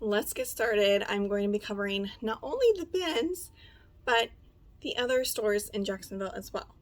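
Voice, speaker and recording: A woman's voice: mid-range voice, moderate pace, dry recording. A woman narrating a casual thrift vlog as a reseller, chatting and thinking aloud with frequent fillers. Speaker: reseller vlogger.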